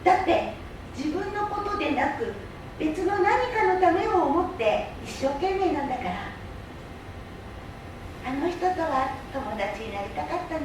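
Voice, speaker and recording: A very high, childlike voice of an earnest, curious boy prince acted by a woman in a staged reading. The delivery is expressive and storylike. It reaches the mic from afar in a very echoey hall with faint noise. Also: distant mic. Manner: deliberate, expressive storytelling with wondering questions. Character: little prince, earnest, curious young boy from a tiny planet. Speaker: stage reader.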